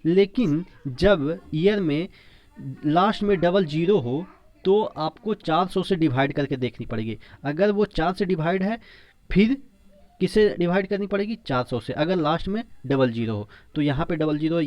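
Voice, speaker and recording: Man, science tutor, coaching lesson, repeats points, fairly high voice, muffled lo-fi audio. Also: lively intonation, normal speed. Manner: repetitive, leaning on memory tricks and frequent check-ins. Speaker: exam-prep science tutor. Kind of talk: explanatory exam coaching lesson.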